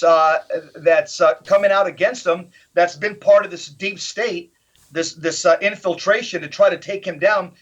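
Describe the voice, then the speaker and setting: Man with a high voice firing off rhetorical questions, punchy and emphatic, kinda dull lo-fi audio. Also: a bit bright. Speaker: guest. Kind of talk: animated political interview talk.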